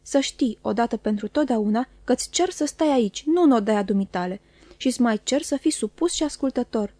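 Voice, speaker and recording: A woman reading the part of a cold, stern man who speaks slowly and gravely, with commanding authority. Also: fairly high pitch, expressive, dark tone, no echo. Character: stern, cold middle-aged man, harsh stepfather.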